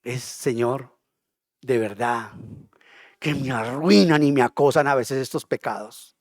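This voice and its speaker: A man preaching a sermon in a church, impassioned and moving between hushed and loud passages. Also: medium pitch, measured pace, no echo, clean studio sound. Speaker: pastor.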